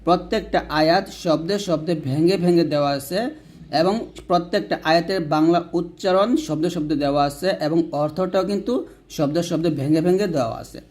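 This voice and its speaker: A man with a rather high voice teaches Quran reading step by step. He spells out the letters one at a time and breaks each verse into words. Then he has the listener repeat the phrases after him. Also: darkish tone. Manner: spells letters aloud, then recites slowly with a drawn-out chant; repeats phrases for the viewer to say back. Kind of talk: Quran recitation lesson.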